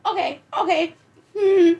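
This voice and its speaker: A woman's voice: very high voice, measured pace, darkish tone, muffled recording. A woman with a New York accent co-hosting a podcast, frank and profane, often cutting in with apologies. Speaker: podcast co-host. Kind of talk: casual chat.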